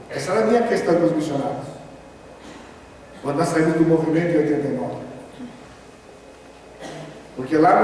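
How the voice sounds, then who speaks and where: Brazilian man, pastor, high-pitched, casual witty preaching, booming church echo with faint hiss. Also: darkish tone. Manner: conversational and humorous, many rhetorical questions. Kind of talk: sermon. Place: large church sanctuary. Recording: echoey church hall, distant mic, faint hiss.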